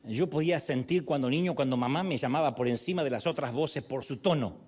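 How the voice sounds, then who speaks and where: A male pastor preaching a sermon, telling the story with animated storytelling and acting out the people he quotes. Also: medium pitch, a little fast.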